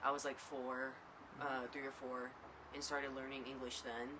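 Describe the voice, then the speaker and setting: A young man whose first language is Mandarin Chinese, answering casually with frequent fillers and pauses. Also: medium pitch, background noise. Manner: relaxed, hesitant, frequent fillers. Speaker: interviewee. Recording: clear background ambience.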